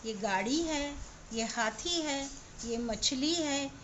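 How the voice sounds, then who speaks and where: A woman teacher giving an online class to young children, spelling words out slowly sound by sound. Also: high voice, lively intonation, a bit bright, a little hiss or hum. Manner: slow, sound-by-sound spelling aloud. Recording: slightly dull, lo-fi recording.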